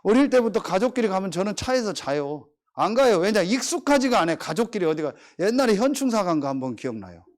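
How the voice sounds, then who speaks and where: A middle-aged man preaching a sermon as pastor, swinging between emphatic, drawn-out declarations and chatty, joking asides about his family. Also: high-pitched. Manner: animated, emphatic preaching with drawn-out stressed phrases.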